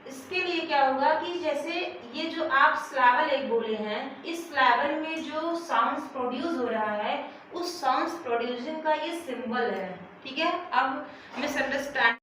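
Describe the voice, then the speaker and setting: A woman's voice: high voice, moderate pace, fairly bright tone, a little hiss or hum. A woman English teacher giving a classroom-style phonetics lesson, drilling sounds by asking questions and answering them herself. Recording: very echoey room, voice heard from a distance.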